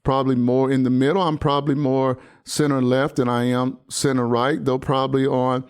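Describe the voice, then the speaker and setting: Sixties male pastor hosting his own podcast monologue, mid-pitched, resonant, stop-start and sincere. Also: level tone, smooth. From United States. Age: 60s. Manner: halting, many restarts and fillers, earnest. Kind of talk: personal commentary monologue.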